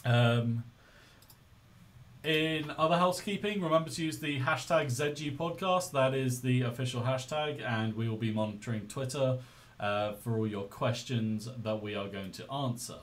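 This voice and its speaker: A man's voice: medium pitch, moderate pace. A man hosting a podcast in casual, informal, rambling style, speaking into a laptop's built-in microphone. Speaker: podcast host.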